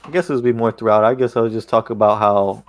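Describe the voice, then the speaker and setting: Low-voiced young man, dry close mic. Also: steady tone, fast talker, no echo. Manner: easygoing, hesitant with many "like"s. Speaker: podcast co-host. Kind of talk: casual chat.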